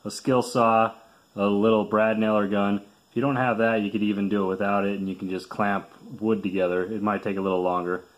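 A young man, a contractor, casually explaining step by step how he built a project, filmed on a phone at arm's length in a living room. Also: lowish voice. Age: young adult. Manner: plain, practical, step-by-step talk. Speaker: contractor showing a woodworking project. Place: living room at home, indoors. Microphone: phone camera at arm's length.

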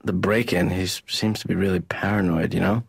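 A man voicing a therapist's grown son, a deadpan, sarcastic slacker in an animated sitcom. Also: deep voice, a little fast, creaky, breathy edge, dry recording, full character voice.

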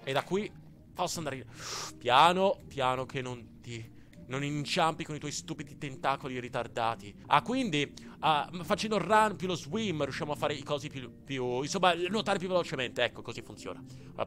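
Young male let's-play host from Italy, fairly high, animated, explosive reactions. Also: brisk, faint music behind. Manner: excitable, swears, exclaims often. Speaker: gaming YouTuber.

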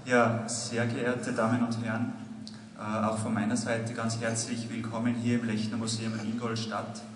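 A man's voice: medium pitch, monotone. Formal man moderating in an echoey hall. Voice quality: polite, formal, with frequent filler pauses. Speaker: museum director and curator, moderator. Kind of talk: formal welcome and interview moderation. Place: large exhibition hall, indoors. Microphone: handheld mic. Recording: echoey hall with ambient noise.

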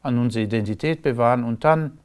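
A man's voice: mid-range voice, fast talker, a little mellow, clear, resonant tone. Emphatic man with a Romanian accent. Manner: rambling, emphatic, laughs between remarks. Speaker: interview guest. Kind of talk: casual conversational interview.

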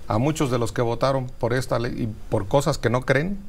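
A man's voice: mid-range voice, a little fast. A middle-aged man with a Mexican Spanish accent, a senator speaking combatively as a guest in a TV studio interview. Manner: combative, emphatic. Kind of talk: political interview.

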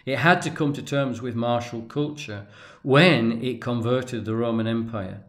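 A man lecturing at length off the cuff, speaking deliberately and pausing often, with restarts as he stresses key words. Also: medium pitch. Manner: deliberate, halting, with restarts and emphatic pauses. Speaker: tarot and religion commentator. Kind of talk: unscripted lecture.

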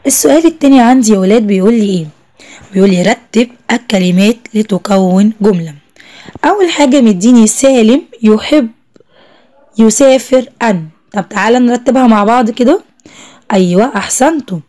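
Young Egyptian woman, children's teacher, mellow and high-pitched, stretches out words to spell them. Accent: Egyptian Arabic. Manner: drawn-out slow spelling of words, encouraging praise to children. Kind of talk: first-grade Arabic lesson.

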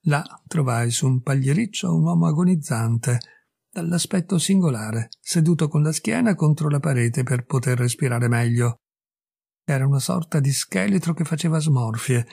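A man reading a classic short story aloud as narrator, in a measured, steady storytelling manner. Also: mid-range voice, gravelly, breathy edge, no echo, studio quality.

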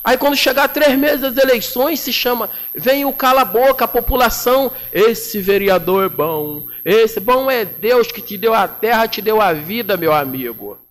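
Brief: high-pitched Brazilian councilman in his 40s, combative and slangy, speaking at a chamber desk mic. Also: expressive, normal speed, few pauses, fairly bright tone. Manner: combative, indignant, with colloquial slang. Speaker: city councilman. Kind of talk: plenary floor speech. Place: municipal council chamber, indoors. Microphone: desk microphone.

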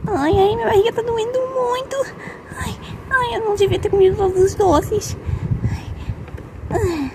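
A very high, whining girl doll acted by a woman groans through stomach cramps in an amateur doll-play story. The words come out pained and guilty, over background noise in a home recording. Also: slow.

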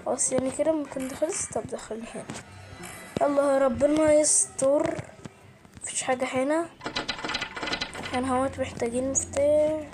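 Egyptian woman, let's-play host, high voice, jumpy nervous commentary over loud game music. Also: steady tone, quick pace. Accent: Egyptian Arabic. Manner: jumpy, startled exclamations, nervous chatter. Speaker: gaming channel host. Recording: game music clearly behind the voice.

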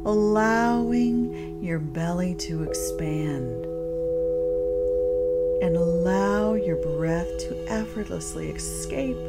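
A woman leads a guided meditation in a soft, soothing spa manner. Her voice sits a little low and moves very slowly, leaving long pauses between short phrases. Singing bowls ring loudly behind her. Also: over loud music. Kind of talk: slow guided meditation narration. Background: ringing singing bowls.

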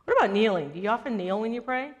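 A woman leading a children's message in a church sanctuary, gently asking the children questions. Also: on the high side, expressive, racing, highs cut off. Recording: long church reverb.

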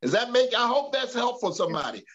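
A man with a high-pitched voice teaches a Bible study in a preacherly way, often restarting and repeating words and calling out to the room. The recording is dull and lo-fi. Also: big pitch swings, fast, a bit bright. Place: church.

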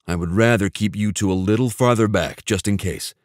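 A male narrator voicing a brisk, commanding male team leader. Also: fairly low pitch, no echo, clean studio sound, lightly acted.

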